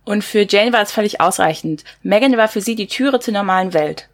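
A woman's voice: mid-range voice, a little fast. Woman book reviewer, casual and chatty, mid-range voice. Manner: lively, chatty. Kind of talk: casual book review with read-aloud excerpts.

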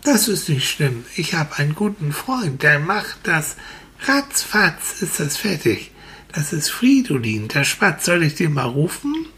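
A woman voicing a gentle, friendly female sunflower in a children's story, sweet and soft, partly whispered. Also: deep voice, big pitch swings, measured pace, heavily acted. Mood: kind.

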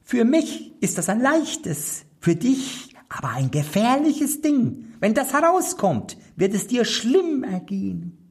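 Squeaky little magic manikin. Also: male voice, sing-song, takes it slowly, gravelly, slightly rough, heavily acted. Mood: eager servant.

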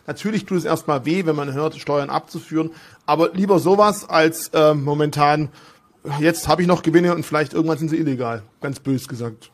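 A man co-hosting a casual finance talk, explaining in quick, run-on sentences. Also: a little high. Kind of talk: casual discussion.

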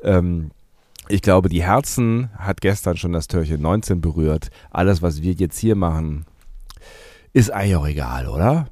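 Very deep, congested male podcast host. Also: animated, warm tone, no echo, clean studio sound. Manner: hesitant, halting, many stammered restarts. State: congested with a cold, blocked nose, sore throat. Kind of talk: casual chat.

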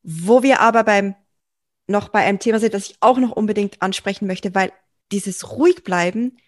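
A woman hosts a conversational interview and weighs her words as she talks. Her voice is mid-pitched, and the recording is close and dry. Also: moderate pace, dry recording. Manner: thoughtful, searching for words. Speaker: interview host.

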